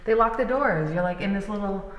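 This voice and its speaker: A woman's voice: mid-range voice, lively intonation, a little fast, dull audio, a crowd in the background. A young woman giving casual commentary while exploring, talking loosely with lots of fillers, recorded on a handheld camera. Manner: chatty, filler-heavy, loose. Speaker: urban explorer vlogger. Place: large abandoned prison, indoors. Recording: echoey hall with faint noise.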